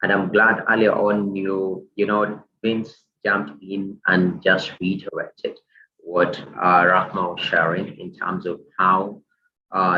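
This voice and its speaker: A man moderating an online panel, talking politely with many hesitant fillers over a video call. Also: deep voice. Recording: roomy, muffled video-call audio with faint noise.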